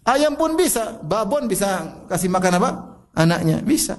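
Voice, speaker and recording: A middle-aged man preaching a sermon, pressing the listener with repeated rhetorical questions and telling personal stories with a soft laugh. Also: sits high, big pitch swings, normal speed. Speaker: Islamic preacher.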